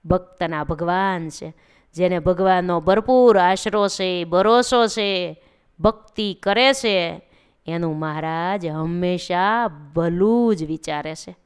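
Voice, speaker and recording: A woman narrating a devotional story, talking lively and directly to her listeners. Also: fairly low pitch, slow, smooth.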